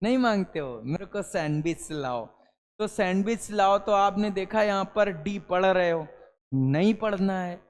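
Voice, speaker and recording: High-voiced man teaching. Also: moderate pace, smooth, in a large hall. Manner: addresses students as "beta", asks and answers his own questions. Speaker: English teacher. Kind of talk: classroom lesson to students.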